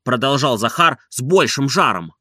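Man, audiobook narration, animated, expressive, bright voice, dry close sound. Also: mid-range voice, normal speed, no room sound.

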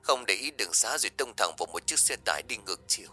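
A man's voice: on the low side, animated, brisk, faint music behind. A man doing a weeping middle-aged woman. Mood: grief-stricken. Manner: soft, choked, hushed. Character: grieving middle-aged sister, tearful.

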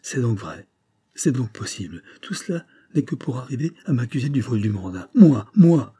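A man with a husky voice voicing a desperate secretary who protests his innocence in an audiobook. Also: medium pitch, animated, moderate pace, warm tone, no echo, clean studio sound. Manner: agitated, indignant protests.

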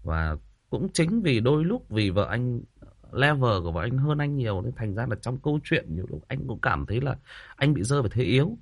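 A man's voice: medium pitch, sing-song, fairly quick, husky, dry recording. A man telling a first-person story in a chatty, repetitive way, speaking straight to his listeners.

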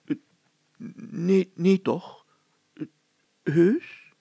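A man plays a pompous, fussy, excitable town mayor in a story, exclaiming and stammering whenever the character gets flustered. The heavily acted performance uses a high, husky voice delivered very slowly, with no echo.

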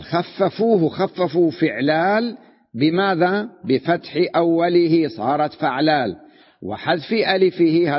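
A man's voice: on the high side, slightly rough. Man teaching grammar in a reverberant hall. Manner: explains step by step, repeating terms and asking students if they follow. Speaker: sheikh teaching Arabic grammar. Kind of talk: classroom lecture on morphology. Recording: dull recording with long hall reverb.

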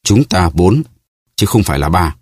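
A man's voice: deep voice, very animated, normal speed, darkish tone, slightly rough, no room sound, studio quality, full character voice. A man voicing an eager, earnest young swordsman who speaks with courteous resolve in an audiobook.

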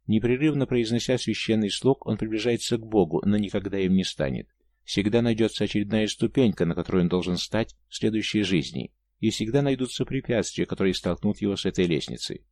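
A man's voice: fairly low pitch, fairly quick, darkish tone, lightly acted. A man doing a gloomy taciturn warrior. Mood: grave. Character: gloomy taciturn male warrior telling a tale.

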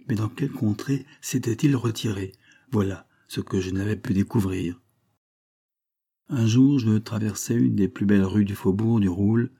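A man reading a classic literary story aloud in a measured, storytelling manner. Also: fairly low pitch, mellow, breathy edge. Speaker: audiobook reader. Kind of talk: scripted narration of a 19th-century story.

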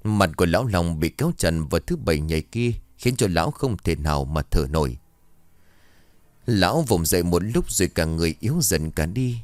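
A male storyteller narrating a horror tale with a low voice. His delivery rises and falls widely, and the sound is dry and close. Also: expressive, brisk, no room sound.

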